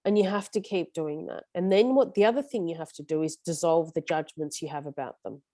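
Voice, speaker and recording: A woman's voice: fairly low pitch, a little fast, dark tone, no room sound. Woman coaching a support group. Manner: earnest, coaching, stumbles over words. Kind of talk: casual group support session.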